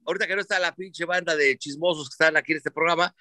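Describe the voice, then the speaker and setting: A man with a Mexican Spanish accent hosts a casual chat, telling sports stories in an animated, profane way and imitating the voices of the people he quotes. His pitch is fairly high, he talks at a racing speed, and the recording is dry.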